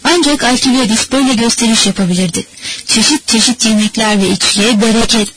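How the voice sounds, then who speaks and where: A woman narrating a novel as an audiobook in a measured, steady reading manner. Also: a little high, slightly rough, rough recording. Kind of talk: scripted narration.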